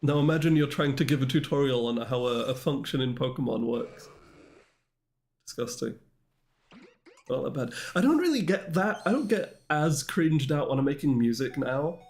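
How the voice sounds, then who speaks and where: A man's voice: medium pitch, animated, moderate pace, darkish tone. A man with a mid-range voice streams a game and chats loosely with his viewers. He rambles and makes fun of himself while answering the chat. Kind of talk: casual livestream chat with viewers.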